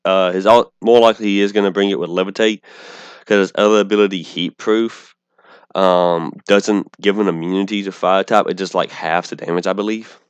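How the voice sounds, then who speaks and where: A low, smooth male voice in a dry, close-sounding space, talking through game strategy off the cuff. He has a speech impediment, saying w for r, and he rambles with frequent false starts and self-corrections. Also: fairly even intonation, brisk, no echo, muffled recording. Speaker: online gamer presenting an opposing team. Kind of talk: casual unscripted game strategy commentary.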